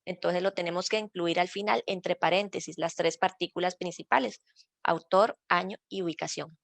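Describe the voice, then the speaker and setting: A woman leads an online workshop as a librarian, walking through the rules step by step. Her voice carries a gravelly, creaky edge. It is recorded close and dry, with no room sound. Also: lowish voice, fairly even intonation, moderate pace, no echo. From Costa Rica. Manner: patient, explains step by step with slides. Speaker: librarian teaching citation style.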